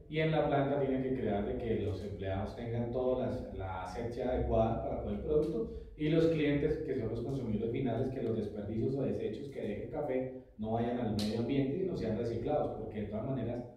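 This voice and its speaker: A man's voice: medium pitch, moderate pace, mellow, recorded from a distance, a little hiss or hum. Middle-aged businessman in an echoey room. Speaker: coffee company owner. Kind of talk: interview answers. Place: large office meeting room. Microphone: far camera.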